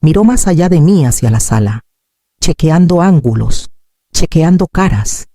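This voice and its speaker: A woman narrating a scripted story in a calm, measured way. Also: low voice, dry recording, clean studio sound.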